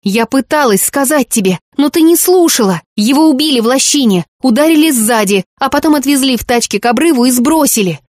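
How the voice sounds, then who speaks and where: A woman voicing an angry, defiant teenage daughter who shouts accusations, in an audiobook. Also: high voice, expressive, a little fast, few pauses, no room sound, clean studio sound, pitched above the performer's own voice. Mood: furious. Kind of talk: audiobook character reading.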